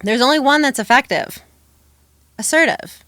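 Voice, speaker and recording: A woman's voice: sits high, normal speed, bright, forceful tone, no echo. A woman who works as a dating coach, giving confident, emphatic advice in a casual podcast conversation.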